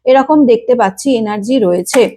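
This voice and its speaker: A woman with a sore throat giving a tarot reading, halting and often clearing her throat between phrases. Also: on the high side, mellow. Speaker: tarot reader.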